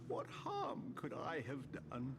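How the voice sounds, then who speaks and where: A man's voice: fairly high pitch, huge pitch swings, slow pace, creaky, background noise, heavily acted. An actor playing a frail, fretful old elf man in a video game, stammering and hesitant. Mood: pleading. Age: older. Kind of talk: game character acting.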